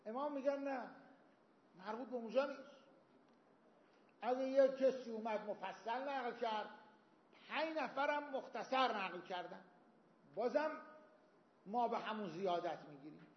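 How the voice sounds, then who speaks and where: High-voiced man lecturing in echoey hall. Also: long pauses. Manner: explains with everyday examples, quotes Arabic texts. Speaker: seminary teacher. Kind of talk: Islamic jurisprudence lecture. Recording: echoey hall, dull lo-fi sound.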